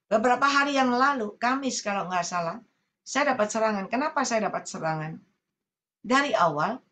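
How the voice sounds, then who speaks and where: A woman's voice: medium pitch, fairly bright tone, a little hiss or hum. A middle-aged woman evangelist, preaching earnestly over a video call and often repeating her phrases to her listeners. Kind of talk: sermon over Zoom.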